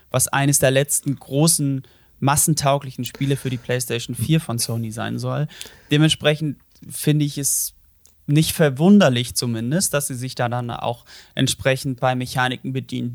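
A man's voice: mid-range voice, dry recording. Male game critic, dry close sound. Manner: thoughtful, searching for words. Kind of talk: casual discussion.

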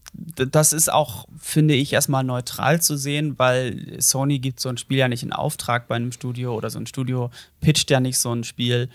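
A man's voice: medium pitch, creaky, no echo. A man giving his views on a video game in a casual conversation, thoughtful and searching for words. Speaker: game critic. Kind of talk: casual discussion.

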